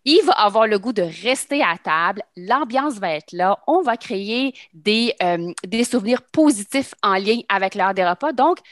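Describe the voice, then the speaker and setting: A woman with a Québécois French accent, co-hosting a podcast as a pediatric dietitian, talking thoughtfully and pausing to find her words. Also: mid-range voice, lively intonation, fairly bright tone, no echo, clean studio sound. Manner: thoughtful, searches for words with fillers. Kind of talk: casual podcast chat.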